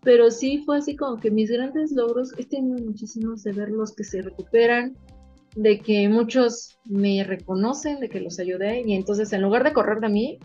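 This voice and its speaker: A woman with a Mexican accent, a veterinarian guest in an interview, telling her stories in an animated, emotional way. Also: medium pitch, dull audio. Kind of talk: casual interview storytelling.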